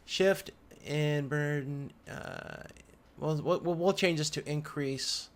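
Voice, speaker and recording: Speaking slowly in a slightly high voice, a man acts as instructor for a casual, unscripted screen-recorded computer walkthrough. He sits indoors at his computer, murmuring to himself and thinking aloud, with background noise of typing and clicking.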